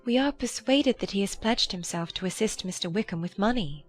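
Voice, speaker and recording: A woman voicing a gentle, sensible young gentlewoman in an audiobook, speaking in a measured, earnest manner. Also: mid-range voice, animated, faint music behind, natural voice. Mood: earnest, calming. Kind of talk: dramatized audiobook character voice.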